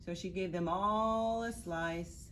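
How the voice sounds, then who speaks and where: A woman teaching an online lesson for young children, talking gently and asking simple questions as she draws. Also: fairly low pitch, slight background noise. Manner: gentle, slow, questioning while drawing.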